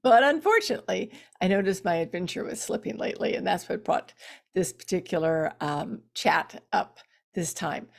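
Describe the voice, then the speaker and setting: A middle-aged woman, a fitness coach, talking casually to viewers on a live stream with fillers and soft laughs, her voice slightly worn. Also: fairly low pitch, animated, normal speed, gravelly. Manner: chatty, warm-up small talk with fillers and soft laughs. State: losing her voice.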